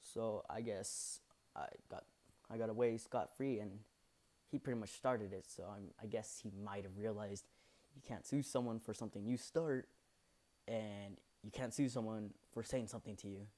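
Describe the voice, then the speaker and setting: A man's voice: fairly low pitch, normal speed, dark tone. A young man telling a school story in a casual, rambling way, full of fillers and self-corrections. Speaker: channel host. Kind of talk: casual storytelling over gameplay.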